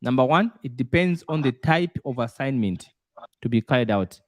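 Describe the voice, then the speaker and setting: A man tutoring a student, explaining concepts step by step with examples, repeating himself and pausing on "uh". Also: mid-range voice, expressive, no room sound. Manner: repeats points, frequent "uh" fillers. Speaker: auditing tutor quizzing a student. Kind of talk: explanatory lesson with worked examples.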